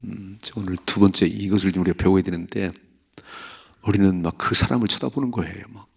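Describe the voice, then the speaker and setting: A South Korean pastor leads an early morning prayer sermon, reading from scripture and animatedly performing the voices of the story's characters. His voice sits low and creaky with a slightly rough edge, and he speaks a little quickly.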